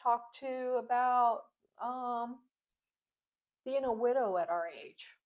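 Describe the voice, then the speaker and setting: A woman in her fifties co-hosting a casual faith chat, hesitant and agreeable, pausing on many ums. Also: on the high side. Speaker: podcast co-host. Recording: dull lo-fi sound.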